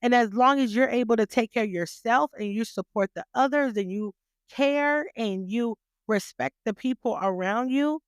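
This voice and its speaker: Speaking slowly and deliberately, a woman hosting a podcast gives a motivational talk, emphatically firing rhetorical questions at listeners and repeating phrases to drive points home. Her slightly high voice is smooth, clear, and graceful, turning stern when she means business. The recording is dry and close.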